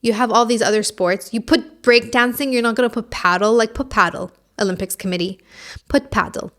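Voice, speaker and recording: Woman podcast host from the Gulf, casual and giggly, rambling delivery, slightly high pitch. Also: a little fast, fairly bright tone. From Gulf region. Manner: chatty, giggly, rambling, lots of "like". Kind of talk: casual chat.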